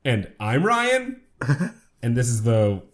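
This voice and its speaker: A man's voice: medium pitch, wildly swooping pitch, slow. Jokey man co-hosting a podcast. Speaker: podcast co-host. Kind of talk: casual chat.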